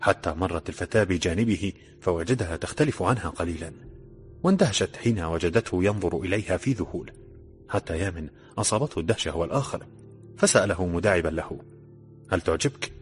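A man narrating an audiobook in a steady, dramatic storytelling manner. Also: low voice, fast, soft background music.

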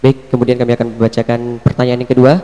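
A man reading audience questions aloud to a preacher, halting and repeating phrases. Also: mid-range voice, flat delivery, warm tone. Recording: long reverb hall.

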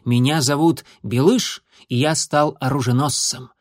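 A man's voice: medium pitch, measured pace, no room sound, studio quality, lightly acted. A man voicing an eager, proud young male kitten boasting in a storybook reading. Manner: boastful, excited.

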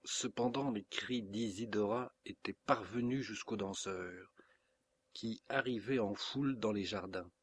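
A man with a French accent reading a classic novel aloud as an audiobook narrator, steady and measured. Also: on the low side, breathy edge.

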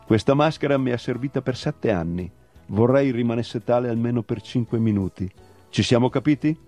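A man's voice: medium pitch, brisk, mellow, faint music behind, close to an everyday voice. A man voicing a bossy, irritable male blackbird who acts as a stern master, speaking in an impatient, scolding way.

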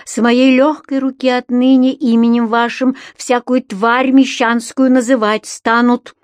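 A woman reading an audiobook and voicing a weary male writer who speaks in a hushed, rustling voice with a slow, funereal solemnity. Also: on the high side, level tone, no echo, voice pushed up, lightly acted. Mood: grim solemn.

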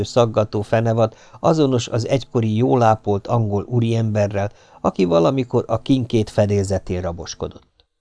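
A man reading an adventure novel aloud as an audiobook narrator, steady and even. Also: fairly low pitch, no room sound. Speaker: audiobook reader. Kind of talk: scripted narration.

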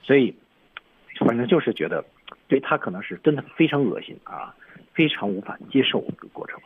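A man's voice: mid-range voice, very animated, normal speed, slightly rough, narrow, tinny audio. A man teaching English on a radio lesson, breaking down each English line by its stressed words and tones. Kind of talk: explaining film dialogue on a radio lesson. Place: radio studio.

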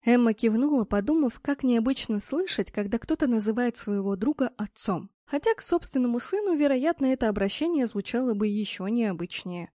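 Dark-toned woman narrating an audiobook. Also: fairly high pitch, dry recording, studio quality. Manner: measured, steady storytelling. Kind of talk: scripted narration.

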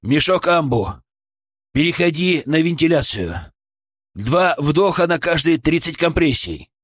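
A man voicing a young male surgeon who shouts urgent orders in an emergency. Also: fairly high pitch, animated, moderate pace, dry recording, clean studio sound, voice pushed up. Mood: urgent commanding.

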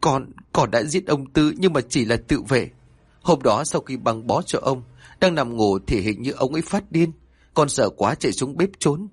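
A man's voice: medium pitch, expressive, a little fast, slightly rough, no room sound. A man voicing a terrified young wife who stammers and pleads through tears in a horror story. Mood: tearful confessing. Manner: sobbing, stammering pleas.

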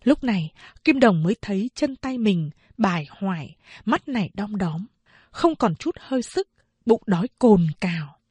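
A woman reading a novel aloud as an audiobook narrator, in measured, unhurried storytelling. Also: mid-range voice, very animated, a little mellow, breathy edge, dry recording.

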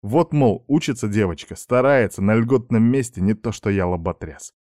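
A man reading a novel in first-person audiobook narration, even and measured. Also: on the low side, dry recording, studio quality.

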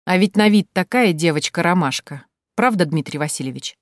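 A woman's voice: fairly low pitch, lively intonation, fairly quick, dry recording, close to an everyday voice. Teasing young man, voiced by a woman, joking, dry close sound.

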